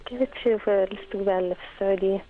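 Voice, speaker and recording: A woman's voice: mid-range voice, steady tone, very fast. A Saudi woman with a Gulf accent calling in to a talk show, asking polite, direct questions. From Saudi Arabia. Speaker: phone caller. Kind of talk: casual phone call. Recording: tinny phone line.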